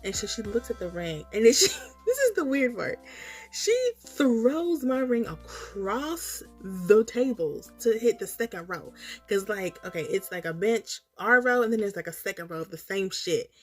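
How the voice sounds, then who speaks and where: A woman's voice: mid-range voice, expressive, unhurried, slightly rough, soft background music. A woman casually telling a story about a dream, hazy and puzzled, circling back as she guesses at details and acting out her own reactions. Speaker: storytelling vlogger.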